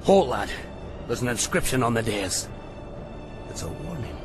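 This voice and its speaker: An actor playing a gruff, loyal male dwarf in a video game, wary and ominous in delivery. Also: mid-range voice, big pitch swings, moderate pace. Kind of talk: video game cutscene voice acting. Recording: loud ominous music behind.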